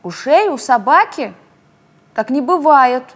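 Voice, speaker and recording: Woman doing a bouncy young hare, wondering, high and lively. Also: a little slow. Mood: curious. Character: playful curious young hare.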